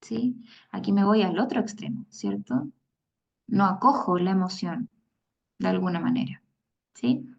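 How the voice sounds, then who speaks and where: A woman's voice: medium pitch, measured pace, gravelly, pauses often, dull audio. A woman with a Chilean accent gives a conversational psychology lecture, often checking in with "¿sí?" and acting out quoted parents. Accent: Chilean Spanish. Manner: acts out quoted parents in a brighter voice. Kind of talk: online lecture.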